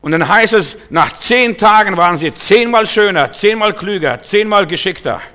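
Preacher, male, emphatic sermon delivery, slightly high voice, long reverb. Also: expressive, moderate pace. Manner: emphatic, rises to loud exhortation then drops to quiet questions.

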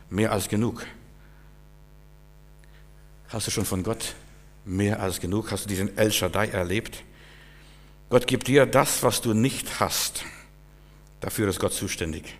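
A man preaching a sermon with fervent, repetitive phrasing that climbs to loud, emphatic peaks. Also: medium pitch. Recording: long hall reverb.

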